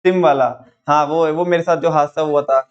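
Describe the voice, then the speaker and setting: A man's voice: a little high, fairly even intonation, moderate pace, muffled recording. A young man teaching a live class, quizzing his students and drilling them in call-and-response.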